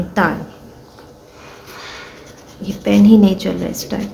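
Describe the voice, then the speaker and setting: A woman teacher walking through a textbook lesson, explaining in Hindi-Urdu and reading the English sentences out slowly, with faint background noise. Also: mid-range voice, creaky, warm tone, low-quality recording. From Pakistan.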